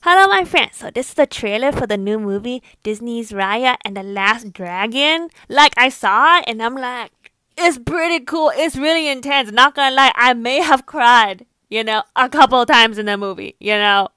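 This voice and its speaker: A woman's voice: on the high side, expressive, normal speed, sharp tone, smooth, no echo. A woman chatting casually to the camera in a gushing way, full of fillers. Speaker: comedy content creator.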